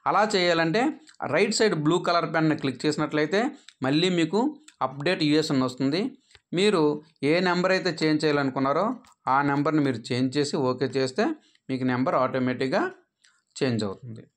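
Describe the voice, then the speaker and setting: A man walks listeners through an app screen by screen, in a somewhat high voice. He talks patiently and instructively, filling pauses with "aa". His sentences sink lower at the end. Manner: patient, instructive, with frequent "aa" fillers; drops pitch at sentence ends. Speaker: app tutorial presenter. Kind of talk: step-by-step screen tutorial narration.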